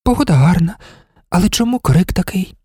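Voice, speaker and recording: A man reading an audiobook, voicing a meek, quiet young woman typist who asks mildly. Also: sits high, expressive, brisk, breathy edge, dry recording, studio quality, voice pushed up, exaggerated voice. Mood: mild, puzzled.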